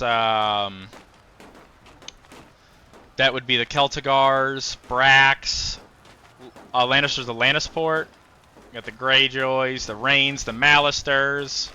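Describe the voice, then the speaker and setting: A man's voice: mid-range voice, bright, forceful tone, clean tone. A man giving casual commentary while playing a strategy game, musing aloud with frequent fillers. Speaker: gameplay commentator.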